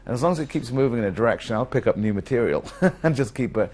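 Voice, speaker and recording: A man's voice: medium pitch, lively intonation, fast talker, darkish tone. A male comedian in an interview, enthusiastic.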